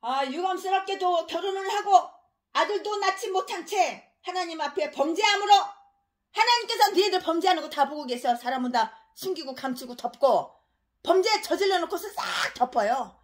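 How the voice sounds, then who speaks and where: Woman pastor ranting through a sermon, high voice, yells then mutters. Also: lively intonation, normal speed. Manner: fiery, scolding, swings between shouting and low muttering. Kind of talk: expository sermon.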